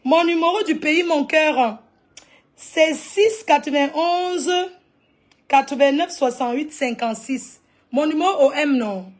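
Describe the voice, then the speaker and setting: A woman with a Cameroonian French accent chatting live with her viewers, animated and exclamatory, calling out to them again and again. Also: high-pitched, normal speed. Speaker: live streamer. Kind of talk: casual livestream chat with viewers.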